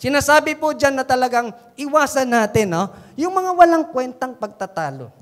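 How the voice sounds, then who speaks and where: A woman's voice: high-pitched, expressive, moderate pace. A woman pastor preaching a sermon, telling everyday stories and often prompting the congregation to answer back. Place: church sanctuary. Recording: long church reverb.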